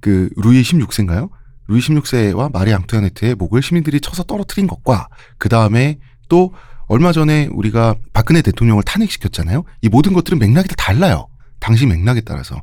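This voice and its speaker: A man's voice: medium pitch, big pitch swings, quick pace, mellow, dry recording, studio quality. A man with slushy, lisping s sounds, telling history conversationally as a podcast host and explaining things with everyday examples.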